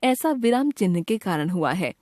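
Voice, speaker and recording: A woman reading a scripted grammar lesson for children in a clear, measured way. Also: mid-range voice, very animated, a little mellow, dry recording, clean studio sound. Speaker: grammar teacher.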